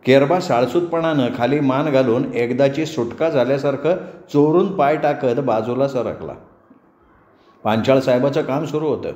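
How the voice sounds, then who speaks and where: A man's voice: medium pitch, normal speed, a little mellow. A man narrating a village story in an earthy, rustic storytelling manner, recorded in a dull, roomy space. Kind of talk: rural Marathi story narration.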